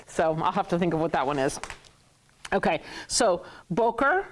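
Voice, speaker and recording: A woman's voice: on the low side, big pitch swings, moderate pace, slight background noise. A woman teaching a class who jokes with her students, laughs often and repeats words to drill them. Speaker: Hebrew teacher. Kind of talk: classroom lesson.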